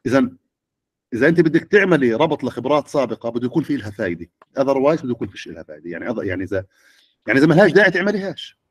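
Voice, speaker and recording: Quick guy lecturing teachers, keeps asking the room questions, dry close sound. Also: medium pitch, big pitch swings, husky, no echo. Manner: questioning the audience.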